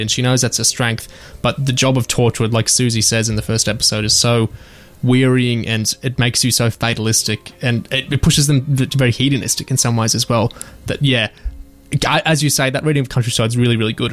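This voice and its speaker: A man in casual discussion, animated, with frequent restarts and the odd swear word. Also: medium pitch.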